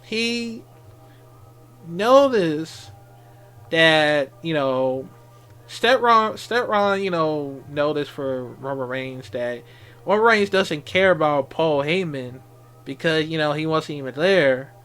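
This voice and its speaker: Male fan commentator, higher-pitched voice, halting slangy delivery with repetition, casual recap, music underneath. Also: lively intonation, a bit bright, smooth. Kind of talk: casual off-the-cuff wrestling recap.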